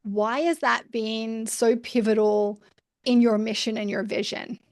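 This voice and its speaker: A woman with a Canadian accent hosting a conversational interview, speaking earnestly with deliberate emphasis. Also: on the high side, flat delivery, dry recording, studio quality. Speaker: podcast host.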